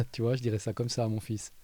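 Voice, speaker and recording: A man with a Swiss French accent, chatting in a relaxed, amused way in an interview. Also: medium pitch, rapid-fire, background noise. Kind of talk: casual chat.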